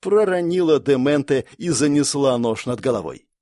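A man narrating a fantasy audiobook in a steady storytelling manner. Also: mid-range voice, moderate pace, dry recording, clean studio sound.

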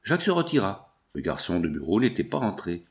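A man narrating a classic novel as an audiobook, in a measured, even reading. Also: sits low. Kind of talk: scripted narration.

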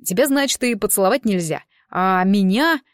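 A woman's voice: mid-range voice, expressive, normal speed, dry recording, lightly acted. A playful young man who jokes and teases, as a woman narrator reads his lines. The delivery stays close to plain reading, in a dry, close recording with no room sound. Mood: teasing. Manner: joking, bantering.

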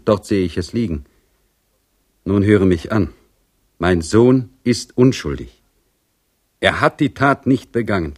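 A man's voice: on the low side, darkish tone. A man voicing an old serf woman, a grieving mother pleading with force and conviction for her son. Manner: pleading, insistent, impassioned.

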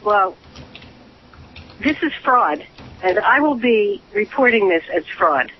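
A woman's voice: medium pitch, expressive, takes it slowly. A woman heard over the phone, arguing indignantly and insistently, repeating herself as the target of a prank call. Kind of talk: angry phone argument. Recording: muffled phone line with faint hiss.

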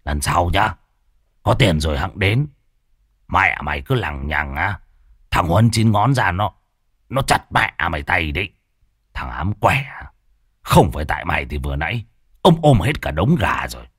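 A man doing a gruff old cursing gambler. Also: sits low, big pitch swings, fairly quick, dry recording, studio quality, pitched below the performer's own voice, full character voice. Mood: grumbling angry. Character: grumpy old male gambler, foul-mouthed, bitter.

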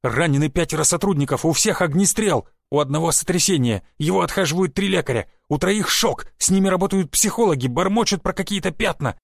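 Brief: bossy secret police chief, loud and scolding, a gravelly, raised voice, played by a male reader. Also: a little high, lively intonation, fairly quick, few pauses, no echo, studio quality, pitched above the performer's own voice. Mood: furious. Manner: shouting, cursing, scolding. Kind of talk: audiobook character voice.

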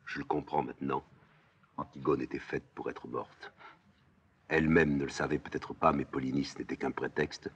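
A man reading a play aloud, voicing a weary, stern king who speaks gravely and with resignation. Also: very deep voice, fairly even intonation, normal speed, muffled recording.

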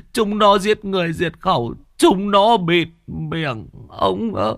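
Old servant, male, high sobbing wail, strained odd tone as a male narrator puts him on. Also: expressive, gravelly, fairly bright tone, no room sound, studio quality, heavily acted. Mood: wailing grief. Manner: weeping, drawn-out wailing.

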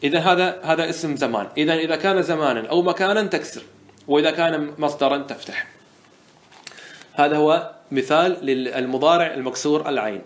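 A man teaching a grammar lesson as a scholar, explaining a classical poem line by line, saying each word form twice and asking his listeners quick questions. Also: a little high. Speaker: Islamic scholar teaching Arabic morphology.

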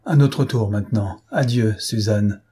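A man reading an audiobook aloud, voicing a brave young girl who speaks softly and slowly in a murmur. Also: on the low side, slightly rough. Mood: tender. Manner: soft, slow, murmured. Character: brave, tender young girl saying farewell.

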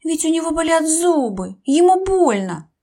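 A woman's voice: very high-pitched, very animated, unhurried, dark tone, pitched above the performer's own voice, heavily acted. A woman doing a ringing-voiced little bird. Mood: indignant. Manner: earnest, scolding.

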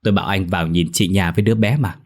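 A man voicing an older exorcist master who speaks in a measured, firm and grave way in a ghost story. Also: sits low, fairly even intonation, a little mellow.

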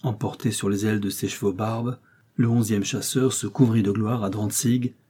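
A man reading a short story aloud in a measured narrating manner, raising his voice for the characters' lines. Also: steady tone, mellow, slightly rough. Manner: measured, voicing characters' lines with raised pitch.

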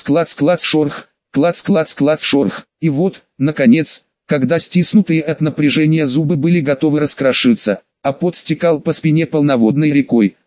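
A man giving a measured, dramatic reading as an audiobook narrator. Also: fairly high pitch, no room sound, muffled recording.

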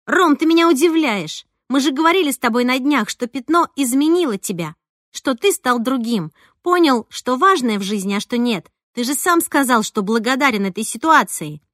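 A woman voicing a jealous, sharp-tongued teenage girl who sneers and shouts. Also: high voice, lively intonation, normal speed, no echo, clean studio sound, pitched above the performer's own voice. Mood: angry.

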